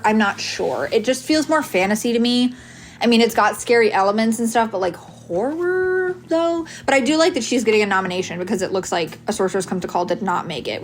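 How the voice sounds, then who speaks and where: A woman giving casual, opinionated vlog commentary on books in an animated, emphatic way, with music behind her. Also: mid-range voice. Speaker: book reviewer with a video channel.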